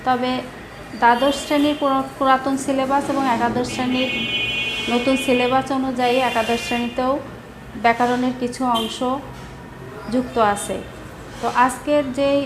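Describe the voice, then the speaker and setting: A woman teacher giving a recorded class lecture, explaining slowly with pauses and repeating example words. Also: sits high. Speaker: Bangla teacher. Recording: echoey room with background noise.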